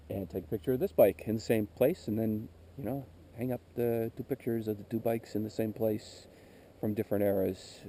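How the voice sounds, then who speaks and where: Standing outdoors by a rural road during a motorcycle trip, a middle-aged man delivers a wandering, candid monologue to his camera, worn out emotionally and repeatedly correcting himself. His lowish voice has a dark tone and vocal fry. There's a little hiss or hum on the camera mic.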